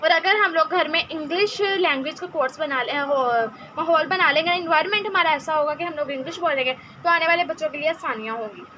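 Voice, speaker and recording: A woman with a Pakistani Urdu accent teaching English in a casual online lesson, talking conversationally and slowly drilling sounds again and again. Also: high-pitched, sharp tone, rough recording. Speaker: English tutor. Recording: faint background noise.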